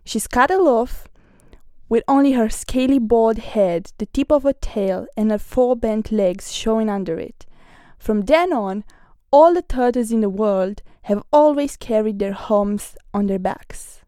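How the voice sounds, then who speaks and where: A woman's voice: a little high, animated, measured pace, warm tone, no room sound. Woman reading a storybook tale.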